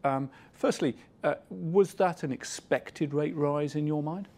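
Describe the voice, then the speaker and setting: A man's voice: on the high side, a little slow, warm tone. A man hosting a financial interview, putting formal questions with some hesitation in his phrasing. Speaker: interviewer, host.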